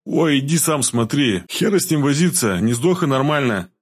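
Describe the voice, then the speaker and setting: A man voicing a gruff, sardonic male healer who chain-smokes and talks bluntly and coarsely. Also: medium pitch, lively intonation, moderate pace, voice pushed up. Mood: dismissive.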